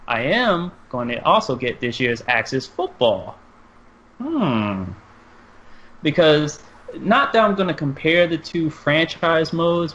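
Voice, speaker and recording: A man's voice: on the high side, fairly bright tone. A man co-hosting a sports and gaming podcast, talking things through at length in casual chat. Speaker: podcast co-host. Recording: dull lo-fi sound, faint noise.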